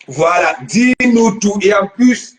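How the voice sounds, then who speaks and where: A man's voice: high-pitched, lively intonation, takes it slowly. A man hosting a casual chat, prodding his guest and chiming in with short agreements.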